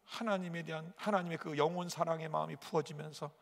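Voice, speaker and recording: High-pitched pastor. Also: male voice, fairly even intonation, fast talker, gravelly. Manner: dramatic storytelling with sudden loud outbursts and repetition. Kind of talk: sermon with personal testimony. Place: large church sanctuary. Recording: echoey church hall.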